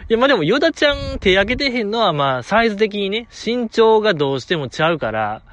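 Speaking quickly with big pitch swings, a high-pitched man with a fairly bright tone and a Kansai Japanese accent hosts a solo talk show. He keeps up enthusiastic fan banter, chuckling as he goes.

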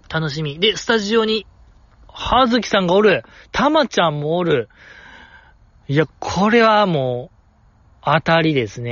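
Kansai guy rambling excitedly on his podcast, voice bouncing all over, dry close mic. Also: on the high side, no echo, muffled recording. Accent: Kansai Japanese. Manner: enthusiastic, chatty, animated. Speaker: podcast host. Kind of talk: casual fan podcast chat.

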